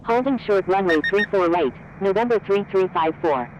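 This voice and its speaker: Through a dull, lo-fi cockpit headset radio with a noisy background, a man playing an airline pilot reads back instructions in clipped aviation phraseology. His voice is high-pitched and expressive, at a moderate pace.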